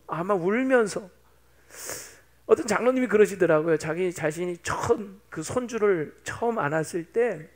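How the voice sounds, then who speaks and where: Pastor in his fifties, man, high voice with gravel, playful and chatty sermon delivery. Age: 50s. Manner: chatty, playful, teasing the congregation.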